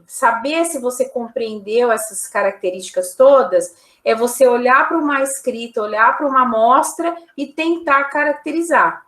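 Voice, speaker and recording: A woman's voice: on the high side, fairly bright tone, roomy sound. A woman teacher giving a recorded online lecture, explaining examples one by one with frequent tag questions.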